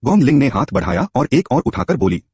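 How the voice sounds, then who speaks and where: Husky male storyteller with lively pitch. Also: fast talker, no room sound. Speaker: narrator. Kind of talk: scripted story narration.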